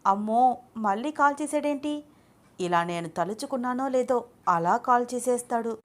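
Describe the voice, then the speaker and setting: A woman doing a lively teasing young woman. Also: on the high side, normal speed, pitched above the performer's own voice, lightly acted. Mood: excited.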